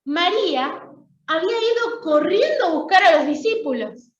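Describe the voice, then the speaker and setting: A woman's voice: extremely high pitch, lively intonation, normal speed. A woman preaching an Easter week sermon in a church, talking in a conversational way and often checking in with her listeners. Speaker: lay preacher. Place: church sanctuary. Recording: echoey, dull church sound.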